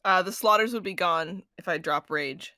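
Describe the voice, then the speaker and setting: Bright-voiced woman playing a tabletop game. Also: fairly low pitch, moderate pace, dry recording, clean studio sound. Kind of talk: casual chat.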